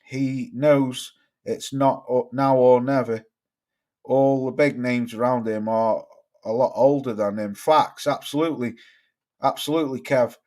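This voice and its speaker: A man's voice: medium pitch, steady tone, unhurried, a little mellow. A man hosts a casual live boxing chat. He reads viewers' comments aloud and answers them in a loose, rambling way. He swears freely as he talks. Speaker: boxing livestream host.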